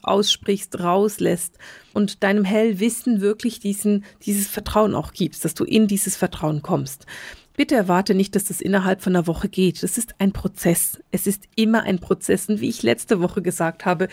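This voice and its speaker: A middle-aged woman talks very fast and urgently as she hosts a solo teaching podcast. Her voice sits at an ordinary middle pitch. It is recorded dry, with no room sound. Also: a little mellow, no room sound. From Switzerland, grew up in Bern. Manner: talks very fast and urgently, repeats words for emphasis. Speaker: podcast host, spiritual medium.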